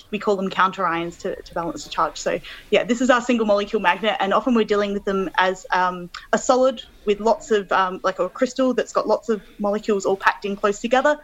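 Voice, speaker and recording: A woman's voice: medium pitch, fairly bright tone, poor audio. Australian woman in her thirties, guest scientist on the line, methodical and filler-heavy. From Adelaide, Australia. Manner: explains step by step with frequent ums. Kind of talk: radio interview, explaining.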